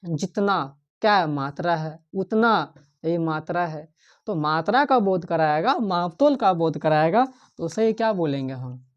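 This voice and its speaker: Woman teacher going slow thru grammar, keeps asking the class stuff and repeating terms, kinda muffled lo-fi audio. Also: on the low side, expressive. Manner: asks the class questions and repeats key terms. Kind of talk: exam-prep online lesson.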